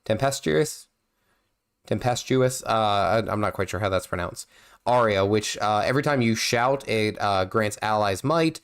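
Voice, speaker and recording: A gaming livestream host, nasal from feeling unwell, talks in a smooth, fairly low voice at a moderate pace. His commentary while playing is loose and rambling, studded with fillers and restarted thoughts.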